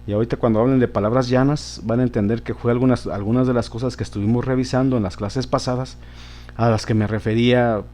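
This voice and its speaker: Guy teaching grammar, patient, keeps asking "right?", relaxed warm tone. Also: medium pitch. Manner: patient, repeats words and checks with "¿sí?". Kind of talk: spoken grammar lesson.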